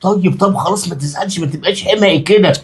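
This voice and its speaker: Husky Egyptian man, quick and sly. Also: high-pitched. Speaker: husband hiding a second marriage. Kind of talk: comedic Egyptian sketch acting.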